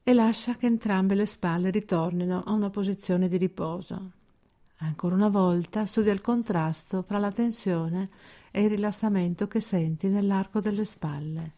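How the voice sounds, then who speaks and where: Her mid-range voice stays calm and measured as she guides a scripted progressive muscle relaxation exercise, and she pauses with intent along the way.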